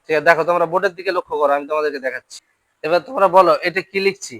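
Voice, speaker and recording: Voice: medium pitch, rapid-fire, dry recording. A teacher giving a Quran reading lesson, sounding out letters and syllables and often asking students whether they will remember. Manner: drills syllables aloud, often checks understanding. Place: classroom with a board.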